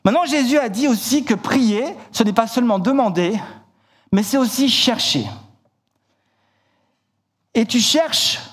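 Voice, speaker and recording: Male preacher with a high voice, vivid storytelling, repeats himself, church sermon. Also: unhurried, pauses often. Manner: animated storytelling, acts out shouted lines; repeats words, stumbles and restarts.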